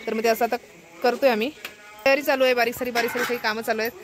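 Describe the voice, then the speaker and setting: A woman narrates a home vlog from a phone, chatty and direct with her viewers. Her voice sits a touch high. She sounds worn out, with a headache she keeps mentioning. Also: fairly even intonation, very fast. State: tired with a headache. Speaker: vlogger. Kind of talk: casual family vlog narration. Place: village home during monsoon rain.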